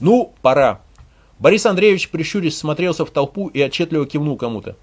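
A narrator reading an audiobook with expressive storytelling. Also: medium pitch, quick pace, background noise.

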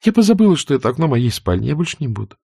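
A man's voice: mid-range voice, very animated, very fast, gravelly, dark tone, breathy edge, no room sound, studio quality, voice pushed up, full character voice. A male narrator voicing a spoiled, willful young widow in a raised, petulant voice for an audiobook. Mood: pleading.

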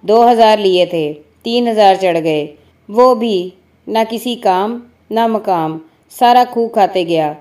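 A woman voicing a sharp-tongued, defiant working-class wife who scolds and protests in a spoken story. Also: medium pitch, lightly acted. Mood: indignant. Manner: snappy, scolding.

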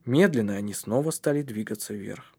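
A man reading a storybook aloud as narrator in a steady, measured way. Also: fairly low pitch, slightly rough. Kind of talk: audiobook narration.

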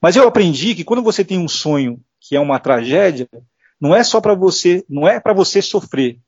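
A middle-aged Brazilian man with a Brazilian Portuguese accent tells earnest personal stories as an interview guest, acting out the voices of the people he quotes. His high, darkish voice is slightly rough, a little fast and lively in intonation. The casual testimony is captured dry and dull, lo-fi with no room sound.

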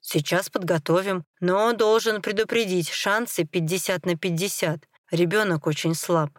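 A woman's voice: fairly low pitch, normal speed, no echo, clean studio sound, lightly acted. A woman reading the lines of a tired male head doctor in his fifties, formal and matter-of-fact. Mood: grave.

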